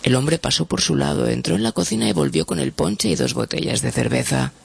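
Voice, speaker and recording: A man narrating a story in an expressive reading voice. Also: mid-range voice, a little fast, gravelly, slightly rough. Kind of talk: audiobook narration.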